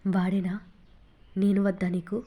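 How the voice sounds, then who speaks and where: A woman's voice: mid-range voice, little pitch movement, a little slow, mellow, natural voice. A woman reading the part of a commanding young man who teases his partner and protects his family, in an audiobook novel. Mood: teasing. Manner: bossy and playfully teasing.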